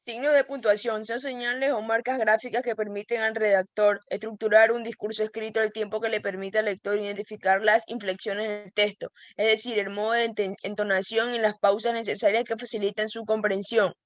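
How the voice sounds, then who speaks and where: A woman student presenter reading a definition aloud in an even, level way. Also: medium pitch, a little fast, hardly any pauses, no room sound.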